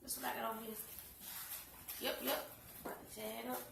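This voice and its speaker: A woman's voice: on the high side, fairly even intonation, brisk, vocal fry. A woman with a Southern US accent co-hosting a mukbang, chatting casually with viewers while she eats. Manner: laid-back, chatty, talks to viewers while eating. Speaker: mukbang co-host. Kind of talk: casual eating-show chat. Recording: echoey room, mic at a distance, background noise.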